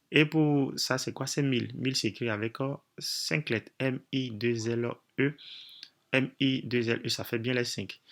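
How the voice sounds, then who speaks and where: A man's voice: on the low side, pushed and bright. A man coaching students through logic exercises step by step, methodical, thinking aloud with frequent hesitations. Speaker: coach teaching logic tests.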